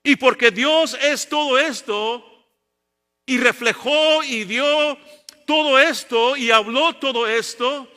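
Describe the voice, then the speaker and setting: A man preaching a bilingual sermon in a church sanctuary. He switches between Spanish and English and delivers slow, emphatic lists. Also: very high-pitched, pushed and bright. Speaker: pastor. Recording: long church-hall reverb.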